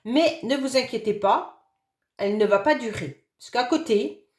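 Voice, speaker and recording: Woman, hoarse, high-pitched, gentle and reassuring, astrology reading, roomy echo. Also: unhurried. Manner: gentle, reassuring, fond of "d'accord?" and "hein". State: hoarse voice after illness, occasional cough. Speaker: tarot reader. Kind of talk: monthly astrology reading for a sign.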